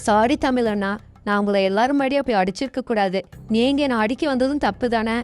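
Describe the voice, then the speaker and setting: An outspoken woman neighbor, voiced by a woman in a doll-serial drama, who reasons and pleads earnestly in a fairly high voice. Soft music plays faintly behind her. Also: fast talker, natural voice. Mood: pleading. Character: outspoken woman neighbor, apologetic then indignant. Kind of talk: amateur doll-serial voice acting.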